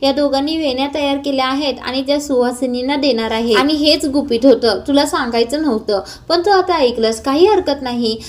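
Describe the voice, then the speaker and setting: A woman voicing a scheming, sharp-tongued aunt who taunts and scolds, in a retold TV serial. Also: high-pitched, fairly quick, few pauses, close to an everyday voice. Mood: soothing.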